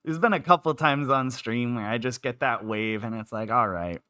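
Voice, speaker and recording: A man's voice: medium pitch, moderate pace, sharp tone, no echo, clean studio sound. A man streaming live, chatting casually while feeling sick, rambling with lots of filler words. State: unwell and queasy.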